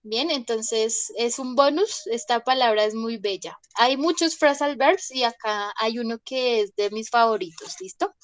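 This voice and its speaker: A woman's voice: a little high, a little slow, few pauses, dry recording. A woman teaching English online, explaining patiently, asking her students questions and repeating examples. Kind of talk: online class explanation in Spanish.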